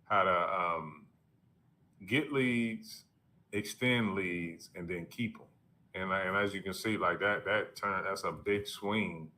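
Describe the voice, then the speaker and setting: Deep, bright-voiced man, halting speech. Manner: halting, many fillers and restarts. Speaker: team coach. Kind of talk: casual broadcast interview.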